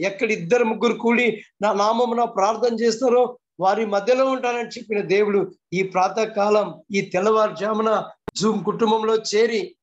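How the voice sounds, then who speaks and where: A pastor preaching a devotional sermon over a video call, fervent, with repeated phrases and rhetorical questions. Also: male voice, high-pitched, lo-fi sound, a little hiss or hum.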